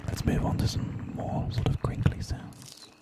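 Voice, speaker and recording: A man runs an ASMR live stream, whispering to his viewers in a casual, reassuring way as he chats unhurriedly.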